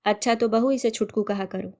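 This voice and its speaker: A woman's voice: a little high, steady tone, a little fast, a little mellow, lightly acted. A woman voicing a strict, old-fashioned village mother-in-law who scolds in rustic turns of phrase. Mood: scolding.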